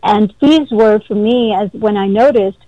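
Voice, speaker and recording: A woman's voice: mid-range voice, a little slow, no echo. Earnest Indian-born woman on a call. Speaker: guest, executive director. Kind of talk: casual interview over a call. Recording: dull phone-call audio.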